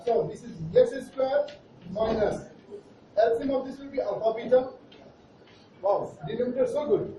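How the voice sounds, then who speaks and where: In an interactive maths lesson, a man with an Indian accent works at the board, teasing his class playfully and posing questions. His very high voice moves at a moderate pace with long pauses, and the distant recording sounds echoey, noisy, and muffled.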